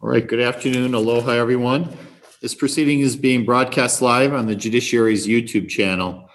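A man's voice: medium pitch, fairly even intonation, a little fast, poor audio. A man presiding as a judge, giving polite, plain-spoken procedural instructions. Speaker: chief justice presiding.

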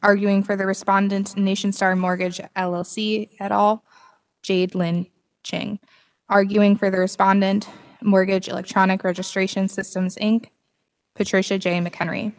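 A woman's voice: mid-range voice, little pitch movement, moderate pace. A woman as court clerk, reading out a formal case announcement.

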